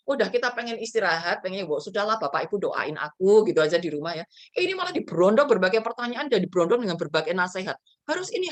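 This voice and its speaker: A woman's voice: lowish voice, fairly bright tone. A woman pastor preaching to students in a chatty storytelling way. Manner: chatty storytelling with frequent fillers. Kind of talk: sermon to a student fellowship.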